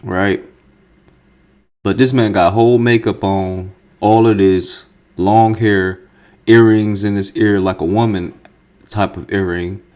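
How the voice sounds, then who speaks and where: Man, low-pitched, reaction video host, casual slangy commentary, animated, incredulous, swears a lot. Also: slow pace, smooth.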